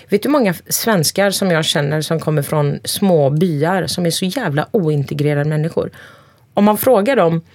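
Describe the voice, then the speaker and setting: A woman in her forties, an interview guest speaking bluntly and emphatically, swearing freely and listing things off in quick runs. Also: fairly low pitch, a little mellow, dry recording. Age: 40s. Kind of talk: candid conversation.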